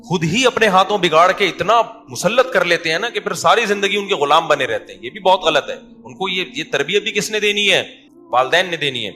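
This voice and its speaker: Bright-voiced preacher. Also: male voice, high voice. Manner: lively, acting out voices in anecdotes. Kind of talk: sermon.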